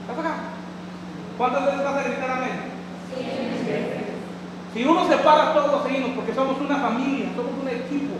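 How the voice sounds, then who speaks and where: Echoey high-voiced pastor preaching in a hall. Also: male voice, steady tone, fairly quick, pauses often, noisy background. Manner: rousing, calls to the congregation. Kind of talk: sermon. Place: large church hall. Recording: echoey hall, far from mic. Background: congregation shouting amen.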